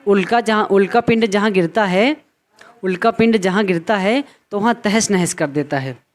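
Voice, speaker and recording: A man teaching a poem to students, reciting verse slowly and then explaining it line by line, repeating phrases as he goes. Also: sits high.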